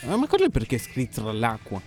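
Joking man with lively pitch. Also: music in the background. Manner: joking, quick to laugh. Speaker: podcast co-host. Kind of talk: casual chat among friends.

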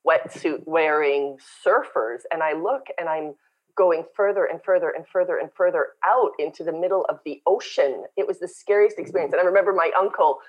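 A woman raised in Canada, a podcast guest and company founder, chatting and telling lively stories over a remote call. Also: fairly low pitch, fairly quick, lo-fi sound. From born in South Africa, raised in Canada. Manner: chatty, storytelling, animated. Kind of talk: casual interview chat. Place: home in Brazil, remote call.

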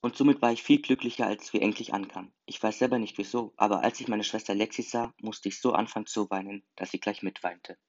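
A man's voice: lowish voice, steady tone, fast, few pauses. A man narrating a first-person story in an earnest, emotional reading. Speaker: story reader. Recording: slightly dull lo-fi recording.

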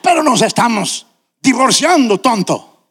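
A man's voice: very high voice, sing-song, unhurried, fairly bright tone, breathy edge, voice pushed up, heavily acted. A man voicing a blunt, pushy wife within a story told in a sermon. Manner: blunt, bossy.

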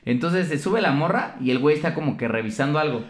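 A man's voice: a little high, fast. Rowdy Mexican guy, echoey room. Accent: Mexican Spanish. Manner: animated storyteller, acts out voices. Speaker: podcast co-host. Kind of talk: crude casual banter.

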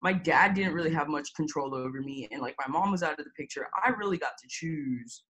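In a low-quality recording, a young Floridian from Tampa speaks as an interview guest with a deep voice, a brisk pace, and a fairly bright tone. It's a personal interview in which she talks candidly but haltingly, full of fillers and an occasional swear word.

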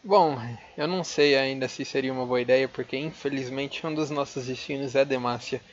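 A man's voice: mid-range voice, moderate pace. A man with a Brazilian accent, playing a tabletop role-playing game in a casual, polite and slightly hesitant way. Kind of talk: casual in-character role-play. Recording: dull, lo-fi voice recording.

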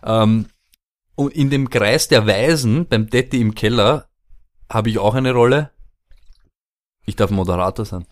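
A man's voice: on the low side, a little slow, pauses often. A man co-hosting a casual fantasy football podcast, rambling and laughing easily. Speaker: podcast co-host.

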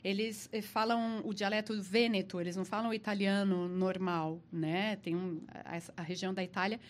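A woman's voice: mid-range voice, fairly even intonation, moderate pace. A woman guest on a podcast telling a story in casual chat, laughing often and acting out the people she quotes.

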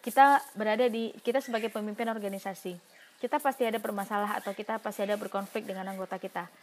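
A woman's voice: medium pitch, steady tone, fast talker, slight background noise. A woman giving a university lecture in an explanatory way, asking herself questions and answering them, with frequent fillers.

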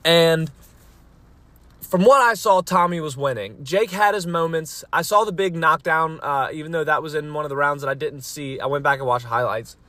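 A man's voice: fairly high pitch, moderate pace, bright, forceful tone, no echo. A man chatting casually and rambling on a solo podcast, recorded on a phone inside a parked car on a rainy day. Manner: rambling, informal, mildly profane. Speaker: podcast host. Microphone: phone microphone. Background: rain hitting the car roof.

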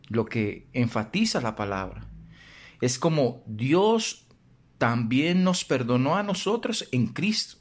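A man giving a devotional sermon, speaking earnestly to the listener, slowing down to stress key words and asking direct questions. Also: mid-range voice. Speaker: preacher.

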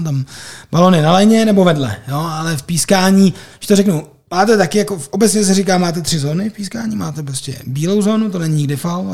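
A man's voice: a little high, vocal fry, a little mellow. A man, a hockey referee, chatting on a podcast and rambling with lots of fillers and restarts. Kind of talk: casual podcast chat.

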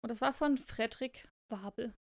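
Young female co-host, relaxed chatty delivery, reads storybook lightly. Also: on the high side, normal speed, gravelly. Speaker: podcast co-host. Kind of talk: casual chat and storybook reading.

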